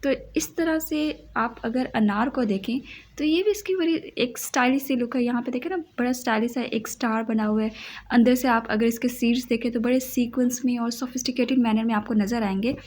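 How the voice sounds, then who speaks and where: High-voiced woman teaching vocabulary. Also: fairly even intonation, darkish tone. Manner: playful, repeats words slowly for pronunciation. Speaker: English teacher. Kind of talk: vocabulary lesson.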